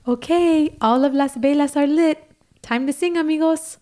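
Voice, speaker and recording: A woman from Ecuador co-hosting a children's Spanish lesson, upbeat and encouraging. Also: sits high. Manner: warm, upbeat, encouraging, slow teacher-like delivery. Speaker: co-host and Spanish teacher.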